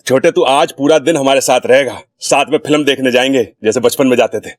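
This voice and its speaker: Actor as a playful eldest brother, mid-pitched, TV comedy drama. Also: male voice, brisk, dry recording, studio quality, natural voice. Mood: coaxing. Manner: coaxing, playful. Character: cheerful scheming eldest brother, adult man. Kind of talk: TV serial acting. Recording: music playing behind.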